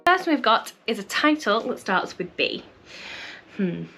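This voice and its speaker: A woman's voice: a little high, sing-song, unhurried, pushed and bright, soft background music. A woman chatting casually to camera as a book vlogger, her voice a little nasal and congested from a cold, friendly and thinking aloud. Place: home room with bookshelves.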